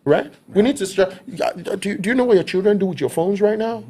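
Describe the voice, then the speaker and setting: A man's voice: high voice, expressive, brisk, mellow, slightly rough. Emphatic Nigerian man, preaching tone. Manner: emphatic, preaching, repeats himself with "do you understand me?". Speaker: actor guest. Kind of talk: interview talk.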